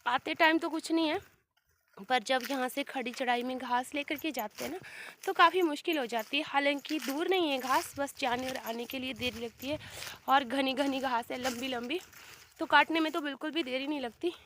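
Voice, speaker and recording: A woman's voice: high-pitched, moderate pace, fairly bright tone, a little hiss or hum. A woman with a sore throat, chatting to viewers in a casual walk-along vlog on a hillside. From Himachal Pradesh, India. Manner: chatty, talks straight to viewers. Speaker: village life vlogger. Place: outdoors on a steep grassy hillside.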